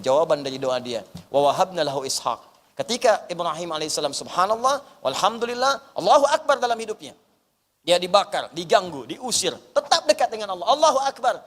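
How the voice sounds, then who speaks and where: A man preaching an Islamic sermon to a live audience, animated and repeating short punchy phrases for emphasis. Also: on the high side, brisk, big-room sound. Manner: animated, acts out everyday scenes and quoted voices.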